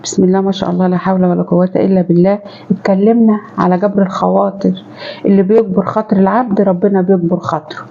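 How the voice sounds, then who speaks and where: A woman with an Egyptian accent talks to her viewers as she cooks in her home kitchen, chatty and affectionate, often turning to them fondly. Her voice is mellow and dark. The recording sounds dull and lo-fi. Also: medium pitch, little pitch movement, fast talker, vocal fry. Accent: Egyptian Arabic. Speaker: home cooking vlogger and mother. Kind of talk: chatty cooking vlog talk to viewers.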